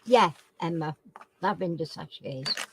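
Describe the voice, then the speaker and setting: A woman's voice: deep voice, lively intonation, unhurried, background noise. A woman with slightly slurred, toothless articulation, chatting informally as she hosts a live quiz and repeats the questions. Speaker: live chat quiz host. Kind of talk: casual live chat, reading out quiz questions.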